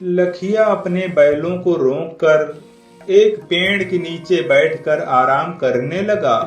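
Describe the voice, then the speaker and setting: A man narrating a cartoon story in a measured, plain storytelling manner. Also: fairly high pitch. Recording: echoey, distant, music under.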